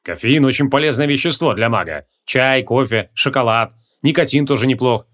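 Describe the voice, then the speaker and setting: A man doing a gruff, low-voiced archmage. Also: normal speed, a bit bright, natural voice. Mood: lecturing. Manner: gruff, lecturing. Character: stern, grumbling male archmage.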